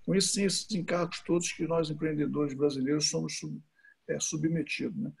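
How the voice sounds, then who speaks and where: A man's voice: on the high side, fairly even intonation, fairly quick, gravelly, a little mellow, breathy edge. A man speaking as a guest on a video call, answering questions with many hesitations and restarts. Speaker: tourism association president, guest speaker. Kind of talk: answering questions in an online talk.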